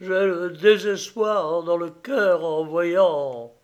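A man reading an audiobook, voicing a stern, dignified old father who speaks gravely and formally. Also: high voice, drawn-out words, voice pushed up. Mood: indignant.

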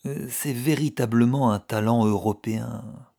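Woman reader as older male music master, gravelly, drawn-out praise, dark tone. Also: a bass voice, no room sound, studio quality, pitched below the performer's own voice, full character voice. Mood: admiring.

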